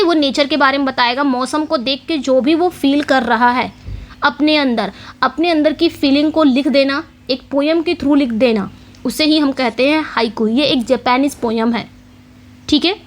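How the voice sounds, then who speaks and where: A woman teaching English literature for exam preparation, explaining in Hindi mixed with English terms, often asking quiz questions and repeating the key points. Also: high-pitched. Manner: reads English question text slowly. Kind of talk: exam-prep lecture.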